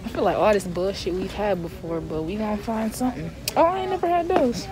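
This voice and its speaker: A woman's voice: mid-range voice, brisk, crowd noise. A young woman vlogging while shopping, speaking through a face mask in a blunt, profane, joking way. She talks into a handheld phone camera. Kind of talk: casual vlog chat. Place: indoors in big stores.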